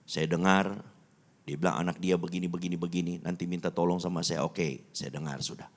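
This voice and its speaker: A man from Indonesia, a pastor preaching a sermon and telling personal stories, who swings between loud pleading peaks and quiet conversational asides. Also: deep voice, fairly even intonation, fairly quick.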